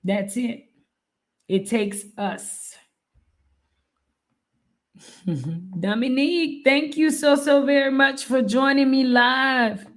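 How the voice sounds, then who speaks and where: A woman's voice: high voice, slow. A woman hosting a live stream, speaking earnestly and repeating her points for emphasis. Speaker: livestream host.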